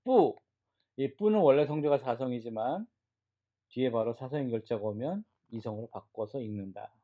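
A man's voice: mid-range voice, lively intonation, normal speed, narrow, tinny audio. A man teaching a beginner Chinese class, explaining tones and drilling syllables aloud for students to repeat. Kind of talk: classroom lecture.

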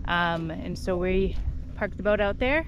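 A chatty woman in her forties tells her travel vlog about a day out, laughing easily as she talks. She holds an action camera at arm's length outdoors, with clear wind and water noise behind her. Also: fairly low pitch, a little slow, dull audio. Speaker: vlogger. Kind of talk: casual travel vlog chat. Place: outdoors on an island beach and boat. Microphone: action camera held at arm's length.

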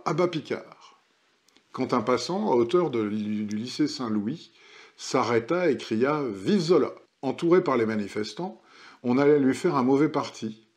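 A man reading short news items from an old newspaper as a daily bulletin host, in a measured style with occasional slips. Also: medium pitch, a little mellow. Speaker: news reader.

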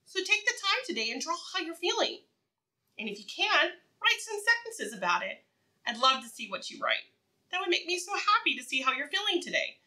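Recorded from a distance, a woman with an extremely high-pitched voice conducts a read-aloud for preschoolers. She encourages them with simple, repeated phrases and lively questions, leaving pauses for their answers.

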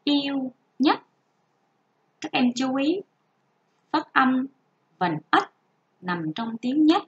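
A woman teaching a first-grade reading lesson online, reading slowly and spelling out each sound for young children. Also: high voice, big pitch swings. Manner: slow, careful, drawn-out model reading and spelling out sounds. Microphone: home recording for an online class. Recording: dull lo-fi sound.

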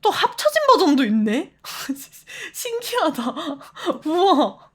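A woman streamer chatting casually with her viewers, animated, laughing often and reading the chat aloud. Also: very high-pitched, takes it slowly.

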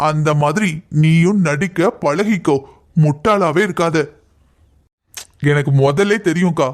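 Male actor as conniving cartoon younger brother; high, blunt, plotting. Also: lightly acted. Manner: conspiring, giving advice bluntly. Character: scheming young man, meddling younger brother. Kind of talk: cartoon voice acting.

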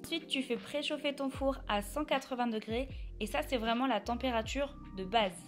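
A young woman talks the viewer through a recipe in a light, high voice. Her voice-over is chatty and direct. Quiet music plays beneath her. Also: normal speed. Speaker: cooking vlogger. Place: home kitchen.

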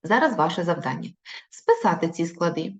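A woman teaching young children in a recorded video lesson, speaking slowly in an encouraging, sing-song way. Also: fairly low pitch, sing-song. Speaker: primary school teacher. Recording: dull lo-fi recording.

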